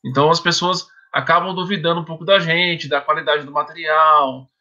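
A man's voice: a little high, steady tone, fairly quick, bright, forceful tone, highs cut off. A man who makes documentaries, earnestly explaining the project in detail during casual talk. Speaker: documentary filmmaker.

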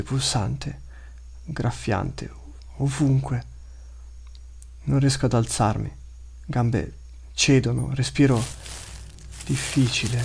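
A man's voice: mid-range voice, creaky, a little mellow, husky, voice pushed up, full character voice. A man voicing the inner thoughts of a huge, hungry male beast that talks in short, broken phrases. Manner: terse broken inner monologue.

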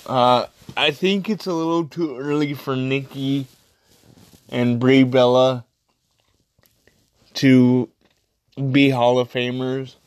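A man hosting a casual solo podcast review, speaking in halting, terse, choppy phrases. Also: mid-range voice, fairly even intonation, smooth, no echo. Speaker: wrestling podcast host.

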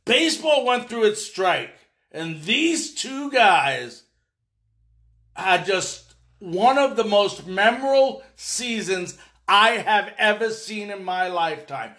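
Excited high-voiced man ranting about baseball. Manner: fast, excited, emphatic, talks straight to viewers. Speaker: baseball commentator. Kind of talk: excited opinion monologue to viewers.

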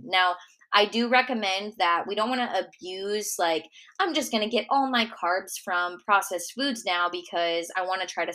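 A woman's voice: mid-range voice, fairly bright tone. A young woman with a Minnesota accent hosting a solo Q&A podcast, chatty and full of "like" fillers. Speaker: podcast host and nutrition coach.

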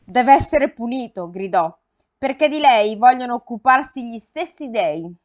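A woman reads a legend aloud in a casual podcast, in a slightly high voice. She voices the lines of the tale as she goes and stops now and then to joke with her co-host. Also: expressive, measured pace. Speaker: co-host reading a myth aloud.

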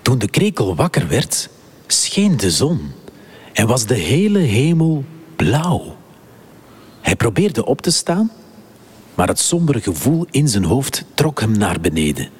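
A husky man reading a children's story slowly and expressively. His pitch moves widely across each line, and he takes his time with every phrase. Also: sing-song. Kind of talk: scripted story narration.

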